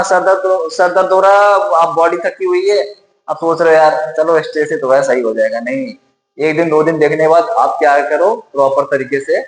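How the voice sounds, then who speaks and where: A man teaching a lesson, repeating key points and asking and answering his own questions. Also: a little high. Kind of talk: classroom-style lecture. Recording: roomy echo with long reverb.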